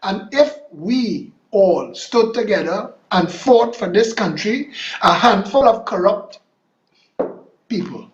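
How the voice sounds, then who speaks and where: A man's voice: sits high, lively intonation, slow pace, slight background noise. A man from Trinidad and Tobago with a Trinidadian accent, hosting an online political talk show and closing with a fervent, preacherly appeal. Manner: impassioned, preacherly sign-off. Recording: dull, roomy lo-fi stream audio.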